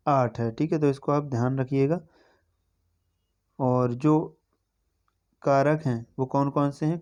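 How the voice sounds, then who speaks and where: Man teaching grammar in a mellow voice. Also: medium pitch. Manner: explanatory, repeats "ठीक है" as a check-in; spells out sounds slowly one by one. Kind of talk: exam-prep Hindi grammar lesson.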